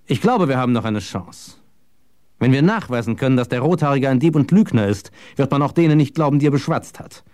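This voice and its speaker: A man's voice: lively intonation, brisk, a little mellow, lightly acted. A man reading an audiobook, voicing a fervent, persuasive male conspirator who pleads with rising passion. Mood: calculating. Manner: impassioned, pleading, rising pitch.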